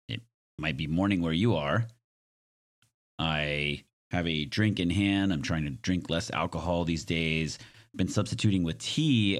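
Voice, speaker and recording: A man with a bass voice that is slightly hoarse, raspy and smoky hosts a podcast on his own. He's casual and reflective, joking around in a self-deprecating way.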